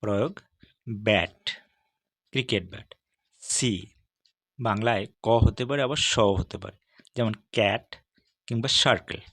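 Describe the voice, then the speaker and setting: Low-voiced man teaching a dry lesson. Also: no room sound. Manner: measured, steady letter-by-letter explanation. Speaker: English teacher. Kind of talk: scripted lesson on English consonant sounds.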